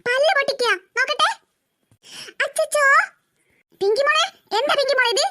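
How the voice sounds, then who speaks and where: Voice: very high voice, normal speed, sharp tone. A performer voicing a young cartoon mother who scolds her two daughters in an exasperated, nagging way. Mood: scolding.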